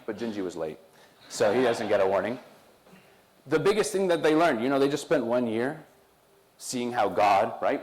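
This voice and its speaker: Guy preaching casual style, jokey with the crowd, middle pitch. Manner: conversational, joking with the congregation. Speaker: pastor. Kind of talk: sermon and introductions.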